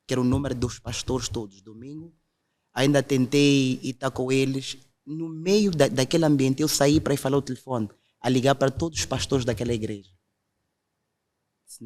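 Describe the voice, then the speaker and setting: A man's voice: mid-range voice, brisk, darkish tone. A young man, earnestly telling his conversion testimony in a podcast conversation. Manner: earnest storytelling, quotes others directly.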